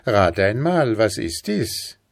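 A man's voice: fairly low pitch, very animated, slow pace, creaky, dry recording, studio quality, pitched above the performer's own voice, heavily acted. A man reading a fairy tale and voicing a worried poor man with a pleading, somewhat raised voice. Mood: eager.

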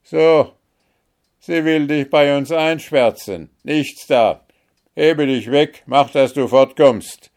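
Loud, scornful old gate guards, a man doing the voices, barking high. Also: takes it slowly. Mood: mocking shouts. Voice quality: rough, barking. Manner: loud, mocking, impatient. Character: gruff shouting old male gate guards.

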